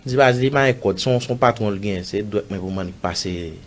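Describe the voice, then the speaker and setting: Haitian-accented male interviewee, low voice, loose rambling storyteller who acts out every exchange. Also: fairly quick, slight background noise. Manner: rambling, acts out dialogue, pepper of "bah" and "man". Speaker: interviewee telling a personal story. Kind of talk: casual spoken storytelling.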